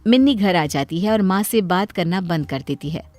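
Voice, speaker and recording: A woman's voice: fairly low pitch, lively intonation, moderate pace, a little mellow, faint music behind. A woman narrating a moral story for a cartoon in a plain storytelling manner.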